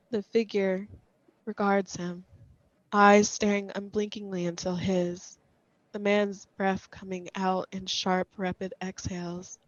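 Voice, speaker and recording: A woman reading a scripted horror story aloud in a measured, suspenseful way. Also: medium pitch, no room sound, lo-fi sound.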